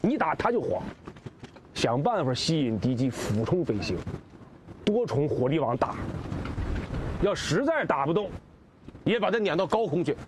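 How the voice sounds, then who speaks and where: Blunt high-voiced army commander. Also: male voice, very animated, normal speed, pauses often, noisy background. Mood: blunt, instructive. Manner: earthy, instructive, blunt. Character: blunt, hands-on Chinese army commander instructing subordinates. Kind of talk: war drama acting.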